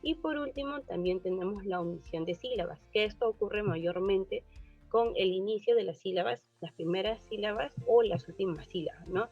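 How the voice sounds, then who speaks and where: A woman giving a group class presentation, explaining steadily and often checking in with a quick question. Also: medium pitch, darkish tone, breathy edge. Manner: explanatory, frequent tag questions. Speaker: student presenter. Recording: dull, muffled recording with faint music.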